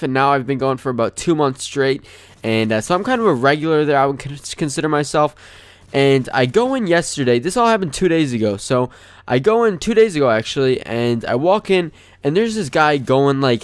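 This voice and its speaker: A man's voice: mid-range voice, clean tone, no echo. A young man hosting a gaming channel, casually telling a rambling story full of fillers. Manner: rambling, animated, many fillers. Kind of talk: casual storytelling over gameplay.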